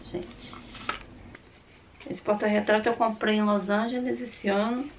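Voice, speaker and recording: A middle-aged Brazilian woman talks casually to her camera as she shows off things she bought. Her voice is throaty and slightly hoarse from a sore throat, with a gravelly creak. There is faint noise in the recording. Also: mid-range voice. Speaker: vlogger. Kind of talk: casual chat showing purchases to camera. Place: small room at home, indoors.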